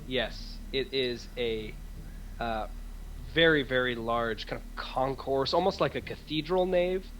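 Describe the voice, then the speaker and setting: Slow, bright-voiced man narrating a game. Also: mid-range voice, poor audio. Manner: halting, descriptive, amused. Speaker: game master. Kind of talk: improvised tabletop game narration. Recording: faint background noise.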